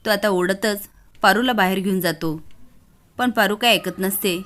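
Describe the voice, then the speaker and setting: Woman recapping a serial episode; plain storyteller, mid-pitched. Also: moderate pace, a bit bright. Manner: plain retelling, voicing each character lightly.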